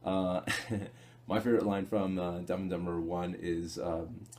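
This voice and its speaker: A man's voice: low voice, little pitch movement, unhurried, mellow. A man giving a casual spoken film review, rambling with lots of fillers and repeated asides to the viewer. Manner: rambling, filler-heavy, keeps asking "you know what I mean?". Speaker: movie reviewer.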